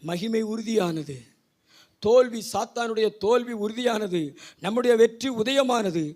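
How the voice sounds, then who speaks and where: A man pastor, preaching at a church service and calling the congregation to repeat his phrases, moving from quiet urging to loud shouted declarations. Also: a little slow. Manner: high-pitched, repeats phrases for the congregation to echo. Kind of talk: Pentecostal sermon with call-and-response.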